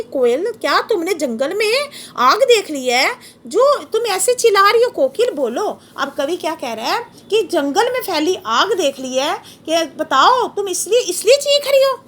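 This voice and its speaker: A woman teaches a poem in a classroom manner, stopping to ask questions and dictate notes. Her voice sits high and swings widely in pitch. She reads the verse lines slowly and with emphasis. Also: a bit bright. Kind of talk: classroom poetry explanation.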